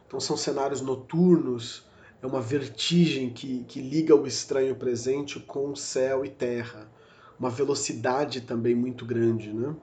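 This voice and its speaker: A man's voice: mid-range voice, fairly even intonation, moderate pace, dark tone. A man with a Brazilian Portuguese accent giving a recorded literature lecture, reflective and searching, with many fillers and self-corrections. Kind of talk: recorded university lecture podcast.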